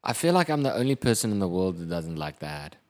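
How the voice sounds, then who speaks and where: A man's voice: sits low, big pitch swings, fast. A man co-hosting a casual podcast over beers, laid-back, with short dry replies. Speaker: podcast co-host.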